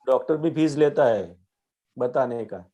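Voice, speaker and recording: A man with a Gujarati accent giving a gentle spiritual teaching, patiently checking that his young listener understands. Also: mid-range voice, lively intonation, a little slow, dull audio.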